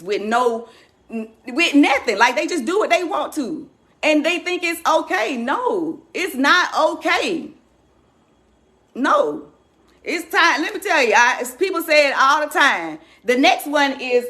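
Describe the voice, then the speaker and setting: An angry woman talks straight to her followers in a high, tense voice that is pitched up and pushed hard. She is shaking with anger and hammers every point with indignant emphasis. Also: bright, forceful tone. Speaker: community activist addressing followers. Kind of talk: impassioned direct-to-camera rant.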